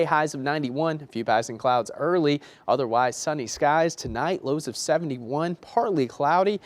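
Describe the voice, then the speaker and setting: A man's voice: medium pitch, a little mellow. A man delivering a TV weather report as a forecaster, in a chatty, conversational on-air manner.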